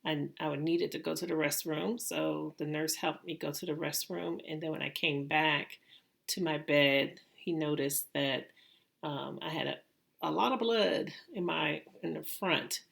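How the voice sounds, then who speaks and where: Gravelly, low-voiced middle-aged woman. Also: steady tone, measured pace, fairly bright tone. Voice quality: gravelly, creaky voice. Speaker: vlogger recounting own surgery. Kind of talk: casual personal storytelling.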